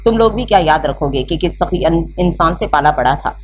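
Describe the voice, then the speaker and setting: A woman's voice: low-pitched, expressive, fairly quick, husky. A woman reading the part of a cocky, playful young man who teases and boasts, in an audio novel. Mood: teasing. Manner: teasing, boastful. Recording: slightly muffled with faint hiss.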